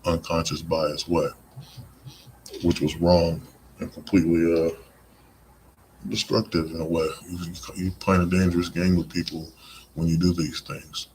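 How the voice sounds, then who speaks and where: A deep, flat-voiced man hosts a live-streamed podcast, taking his time and leaving long pauses. He rambles in a chatty way, often saying "you know," over a slight hiss or hum.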